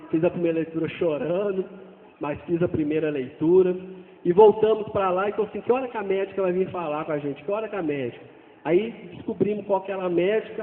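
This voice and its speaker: A man, a father, gives an earnest personal testimony in church, talking haltingly and repeating phrases as he goes. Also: sits high. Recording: tinny, echoey hall sound.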